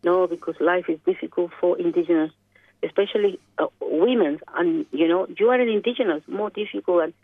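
On a dry, tinny telephone line, a Chilean woman guesting in an interview speaks reflectively in Chilean Spanish, searching for her words. Her voice is lowish and fairly quick, with no echo.

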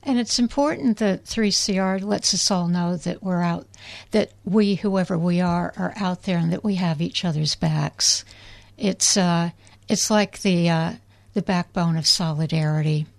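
A woman appears as a guest on community radio. She speaks low and unhurried, giving each detail deliberately and earnestly. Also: creaky. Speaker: activist guest. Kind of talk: radio interview.

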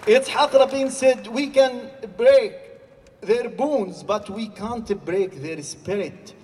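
A man from Gaza, giving an impassioned protest speech at an outdoor rally, sometimes rising to shouts. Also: extremely high pitch, slow. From Gaza, Palestine. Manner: forceful, rising to shouts at times. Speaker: rally speaker. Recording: distant reverberant rally recording with faint noise.

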